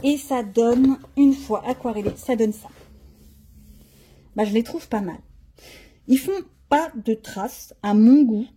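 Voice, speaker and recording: A woman's voice: on the high side, slow, long pauses, mellow, husky. A middle-aged woman chatting casually about her art supplies, thinking aloud as she demonstrates them, with frank slangy asides. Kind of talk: casual show-and-tell chat.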